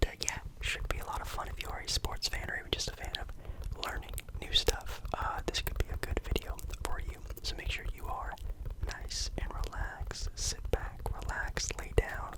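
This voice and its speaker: A man hosting in a whispered ASMR style, very close, as if right in the listener's ear. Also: poor audio. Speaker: ASMR video host.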